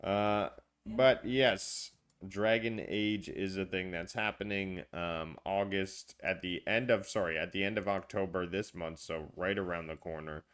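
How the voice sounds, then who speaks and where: A man's voice: low-pitched, steady tone, a little slow, fairly bright tone, clean tone. A man co-hosting a casual gaming podcast, chatty and self-deprecating, rambling with fillers. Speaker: podcast co-host.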